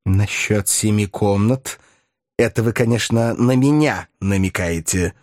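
A man voicing a pompous older male professor who lectures and shouts in tirades. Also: on the low side, a little slow, dry recording, studio quality, close to an everyday voice. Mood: ironic.

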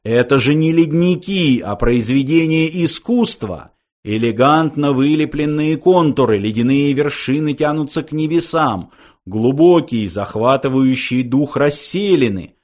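Male reader doing a proud, fussy old gentleman, formal and easily offended. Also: mid-range voice, animated, measured pace, pitched above the performer's own voice, close to an everyday voice. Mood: indignant. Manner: polite, easily offended, impassioned. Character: fussy, proud old man, a planet designer.

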